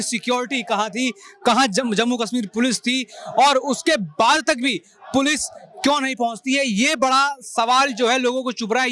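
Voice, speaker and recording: A man's voice: very high-pitched, pushed and bright. A man interviewing a guest in a news debate, pressing hard with one question after another. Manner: insistent, piles up questions.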